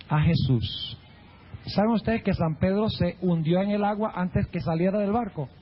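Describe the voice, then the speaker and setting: A man preaching a sermon in a husky, fairly high voice. He delivers it dramatically, with big swoops in pitch, and acts out the voices of the people in his stories. The recording sounds dull and lo-fi. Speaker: pastor.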